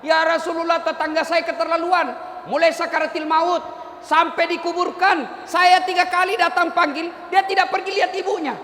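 A man voicing an indignant neighbor woman who complains loudly to the Prophet, in an echoey hall. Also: very high-pitched, little pitch movement, moderate pace, voice pushed up.

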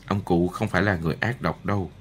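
A man voicing a gentle, kind noblewoman and mother in an audiobook, speaking softly. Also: low-pitched, steady tone, quick pace, breathy edge. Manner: soft, gentle.

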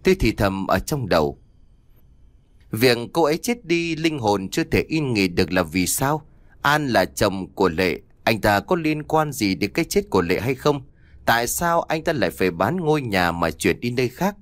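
A man narrating a first-person story as an audiobook, with an expressive storytelling manner. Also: mid-range voice, moderate pace, no echo.

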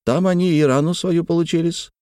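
A man's voice: a little high, fairly even intonation, a little fast, a little mellow, clear, resonant tone, no room sound, studio quality, voice pushed up, lightly acted. A man reading in a raised voice as an eager, devoted old male servant who repeats his words fussily. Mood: mournful.

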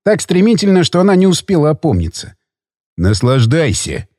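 A man narrating an audiobook thriller in a dramatic, expressive storytelling manner. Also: fairly high pitch, fairly quick, no echo, clean studio sound. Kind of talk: scripted narration.

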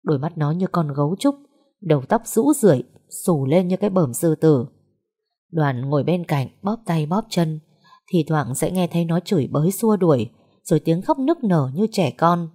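A woman narrating a sad story in a slow, somber, measured way. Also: low-pitched, animated, warm tone, breathy edge.

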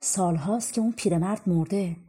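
A woman's voice: medium pitch, mellow, breathy edge. A woman voicing an earnest, homesick young man in a storybook reading. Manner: earnest and eager.

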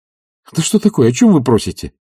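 A man reading an audiobook and voicing a proud, touchy young woman in a raised, sharp voice. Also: mid-range voice, huge pitch swings, moderate pace, slightly rough, dry recording, studio quality, pitched above the performer's own voice, exaggerated voice. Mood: irritated.

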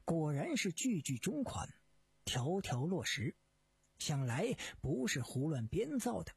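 Measured storyteller, slow, lively pitch, husky voice, faint music behind. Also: dry recording. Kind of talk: radio storytelling narration.

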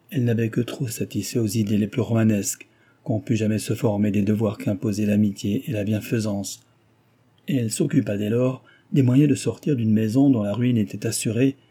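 Give me a husky male audiobook narrator reading steadily. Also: on the low side, mellow. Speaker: audiobook reader. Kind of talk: scripted narration.

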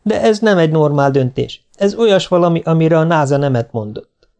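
Guy doing a serious woman commander, firm and deliberate. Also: a little high, expressive, a little mellow, clear, resonant tone, voice pushed up. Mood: resolute.

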